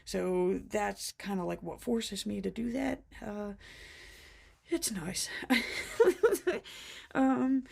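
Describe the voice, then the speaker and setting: A woman's voice: medium pitch, takes it slowly, creaky, a little mellow. A woman vlogger chatting casually to camera, laughing often and short of breath after being sick. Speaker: planner vlogger.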